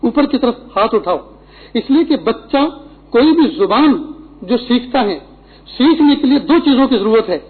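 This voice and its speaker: A middle-aged man delivers an earnest, instructive Friday sermon, weaving in Arabic quotations. His voice sits high and breathy. The recording is thin and phone-like. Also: lively intonation. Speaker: preacher.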